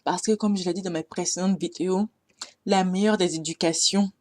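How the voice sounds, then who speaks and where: A woman's voice: on the low side, fairly even intonation, brisk, no echo. A young woman giving a casual storytime monologue, exhorting her listeners with passion and many hesitations. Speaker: storyteller addressing her audience.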